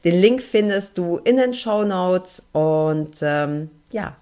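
A woman's voice: on the low side, lively intonation, slow pace, dark tone. A young adult woman hosting a solo spiritual podcast, talking earnestly and emphatically straight to her listeners as a coach. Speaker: podcast host and card-reading coach.

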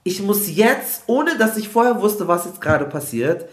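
Brief: male guest, higher-pitched voice, lively storyteller who drops in English words, recorded in an echoey room. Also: moderate pace. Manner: animated, mixes in English words. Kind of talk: casual storytelling in a podcast chat.

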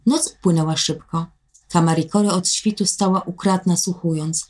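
A woman narrating a fairy tale in a measured, expressive way. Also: fairly low pitch. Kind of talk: storybook narration.

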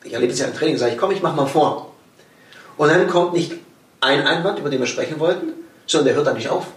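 A man in casual conversation, a sales trainer who talks in a lively way and acts out examples. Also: a little high, rapid-fire, echoey room, far from the mic. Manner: lively, explains with acted-out examples.

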